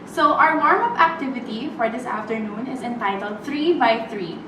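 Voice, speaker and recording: A woman's voice: a little high, animated, moderate pace. A young woman, leading a role-played group therapy session as student occupational therapist and giving friendly step-by-step instructions. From Philippines. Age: young adult. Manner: friendly, guiding instructions with frequent okays. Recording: roomy distant recording with background noise.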